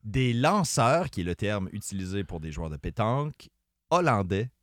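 A man's voice: lowish voice, very animated, moderate pace, a bit bright, no echo. A man in a comedy improv show, reading news aloud and laughing often. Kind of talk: casual improv chat.

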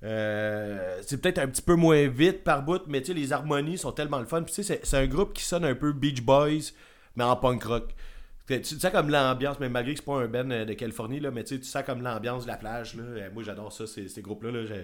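A man's voice: mid-range voice, brisk. Rambling Québécois man talking music. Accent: Quebec French. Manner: rambling, enthusiastic, swearing casually. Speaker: podcast host. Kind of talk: casual music review chat.

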